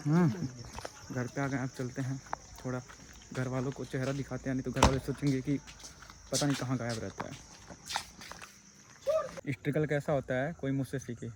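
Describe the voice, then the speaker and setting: A young man vlogging casually about his day, then loudly scolding a child to study. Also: medium pitch, background noise. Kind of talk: casual vlog chat.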